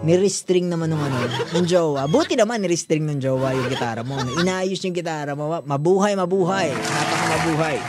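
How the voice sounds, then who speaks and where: A woman's voice: deep voice, expressive, brisk, hardly any pauses, a loud crowd. A woman hosting a radio show, reading listener letters and commenting in a giggly, teasing manner. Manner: giggly, teasing, frequent laughter. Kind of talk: casual radio chat. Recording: radio studio with music bed.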